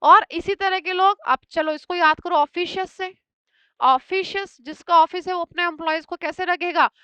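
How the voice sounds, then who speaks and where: A woman teaching English vocabulary for an exam, explaining words with everyday examples and rapid lists of synonyms. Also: very high voice, steady tone, sharp tone, dry recording. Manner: explains each word with everyday examples and quick checks. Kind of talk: exam-prep lesson.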